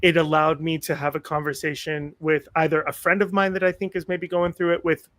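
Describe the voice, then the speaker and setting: High-voiced man in his forties telling stories. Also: brisk, dry recording. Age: 40s. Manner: animated, self-mocking humor, acts out quotes. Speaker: podcast guest. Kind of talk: casual storytelling chat.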